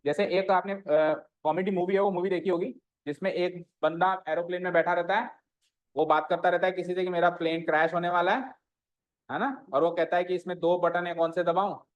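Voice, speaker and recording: A man teaches a maths class in a high-pitched, flat, brisk delivery, asking the students questions and echoing their answers, with English maths vocabulary mixed in. The sound quality is lo-fi.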